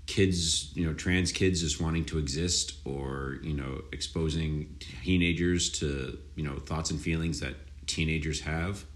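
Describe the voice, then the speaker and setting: A man's voice: a bass voice, steady tone, a little slow, few pauses. A man in his thirties co-hosting a movie podcast, talking casually and rambling with fillers. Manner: laid-back, rambling with fillers. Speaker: podcast co-host. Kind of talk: casual chat about movies.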